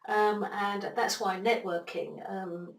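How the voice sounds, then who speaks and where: A woman explaining ideas as an interview guest, animated and acting out little inner voices as she talks. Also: mid-range voice, slow, vocal fry. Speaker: interview guest, brain expert. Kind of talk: conversational interview. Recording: roomy, distant mic, faint noise.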